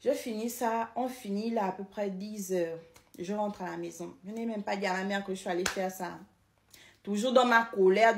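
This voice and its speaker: A young woman with a Cameroonian French accent, casually recounting her own experience, repeating words and restarting often. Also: mid-range voice. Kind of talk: casual personal testimony. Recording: roomy echoing room sound.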